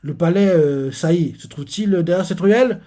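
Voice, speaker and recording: A man voicing a smooth-talking young man courting a maid, polite and feigning shyness. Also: a little high, moderate pace, warm tone, close to an everyday voice. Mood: courteous.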